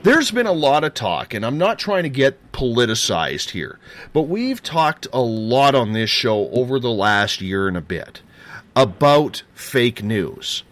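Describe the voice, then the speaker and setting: A man's voice: medium pitch, very animated, unhurried, fairly bright tone. A man hosting a paranormal talk show, chatty and rambling, just over a throat and chest cold. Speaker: host.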